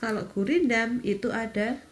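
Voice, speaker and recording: A woman, patiently explaining step by step with pauses in an informal interview. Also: fairly high pitch, reverberant, slight background noise. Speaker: interviewed mother explaining a school lesson.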